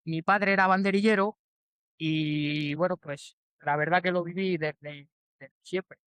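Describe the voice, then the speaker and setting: A man's voice: fairly high pitch, fairly even intonation, a little slow, fairly bright tone, clear, resonant tone, no echo. A Spanish man in his forties, a guest in a casual interview, answering in a hesitant way with many restarts and fillers. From Spain. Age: 40s. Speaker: bullfighter guest.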